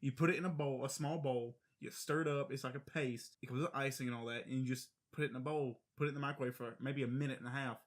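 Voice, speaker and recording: A man's voice: medium pitch, fairly even intonation, fast talker, few pauses. A young man co-hosting a casual chat among friends, loose and swearing freely with lots of fillers. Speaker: podcast co-host.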